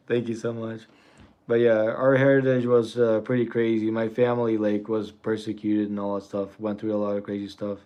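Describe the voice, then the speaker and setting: A man's voice: lowish voice, level tone, moderate pace, lo-fi sound. A man in his forties, born in Russia and raised in the US, chatting casually on a trading livestream, rambling and thanking viewers with frequent chuckles. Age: 40s.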